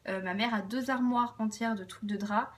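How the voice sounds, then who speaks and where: A woman's voice: on the high side, steady tone, normal speed, far from the mic, slight background noise. A woman chatting casually about household tips, rambling with many fillers and self-corrections. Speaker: vlogger sharing household tips. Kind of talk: casual chat to camera.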